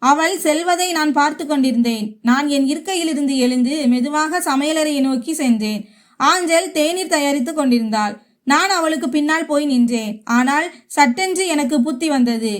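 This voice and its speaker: A woman narrating a story in the first person with a steady, even reading. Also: high voice, normal speed.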